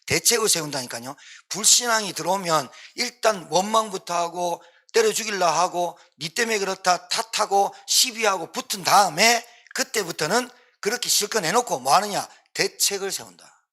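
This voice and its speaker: A man's voice: high-pitched, animated, moderate pace, bright, forceful tone. A male pastor preaching a sermon emphatically, repeating his points for stress and acting out pleading quotes.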